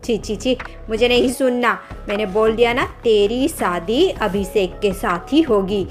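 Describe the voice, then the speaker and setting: A woman voicing a scheming, boastful middle-aged village stepmother in a cartoon story, sharp-tongued and scolding. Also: on the high side, unhurried, faint music behind, lightly acted. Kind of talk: Hindi cartoon story voice acting.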